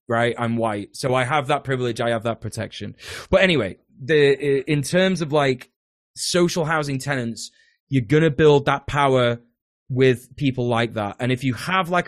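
A man's voice: mid-range voice, dry recording, studio quality. A man, hosting a podcast, talking casually with lots of fillers, restarts and the odd swear word. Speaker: podcast co-host. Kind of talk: casual political chat.

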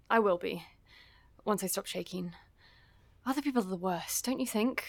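An actress playing a weary young woman who sighs often and turns sharp when pushed. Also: mid-range voice, measured pace, no echo. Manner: sighing and weary, turning sharp and frightened. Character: weary young woman trapped in a love triangle. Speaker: actor in an audio drama.

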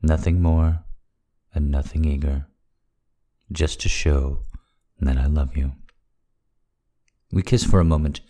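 Very deep, slow-paced, mellow man. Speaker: audio erotica performer and live streamer. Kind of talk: slow, intimate first-person narration of erotic fiction, then casual chat to listeners.

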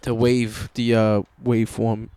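A man's voice: fairly low pitch, monotone, a little slow, warm tone, clear, resonant tone, no echo. A man hosting a podcast in loose, rambling casual chat with some swearing, his voice overmodulated and clipping on the mic. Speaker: podcast host. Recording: distorted, overdriven mic.

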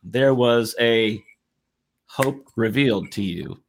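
A man's voice: medium pitch, slow. Male host, reflective, recaps the guest's story. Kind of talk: interview conversation.

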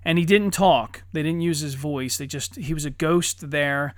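Man, thirties, podcast co-host, animated storyteller, cusses a lot, slightly high pitch, dry mic. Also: normal speed, no room sound. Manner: animated storyteller, swears often, acts out quotes. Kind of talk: casual chat.

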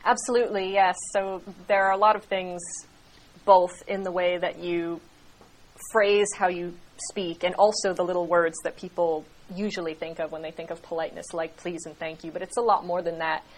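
A woman's voice: fairly low pitch, little pitch movement, normal speed, poor audio. A woman as an interview guest, explaining ideas fluently and laughing easily. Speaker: guest expert on interaction and politeness.

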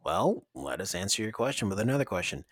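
A man's voice: fairly low pitch, very animated, quick pace, no echo. Guy hosting a podcast, goofy sponsor read and banter, kinda fake annoyed, sweary, dry sound. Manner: joking, mock-exasperated, casually sweary. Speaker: podcast co-host reading a sponsor ad. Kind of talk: comedic ad read with loose banter.

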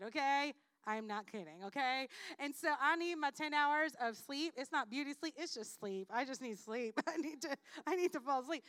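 A woman from Puerto Rico preaches a sermon with a high, bright, ringing voice. She is lively and playful, slipping into the voices of the people in her stories. The sound is dry and close, with little room echo. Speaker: guest preacher.

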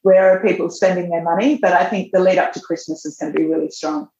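In a podcast interview captured with roomy, dull remote audio, a middle-aged magazine editor from Australia talks casually in a fairly low, darkish voice. She keeps a steady tone at a quick pace, often laughing and starting her sentences over.

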